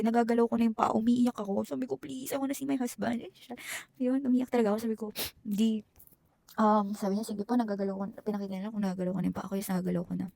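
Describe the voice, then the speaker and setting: A woman's voice: medium pitch, vocal fry, mellow, no echo. A young woman telling a personal story in a casual vlog, chatty and emotional, mixing Tagalog with English. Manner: emotional, Taglish code-switching, chatty asides. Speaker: vlogger.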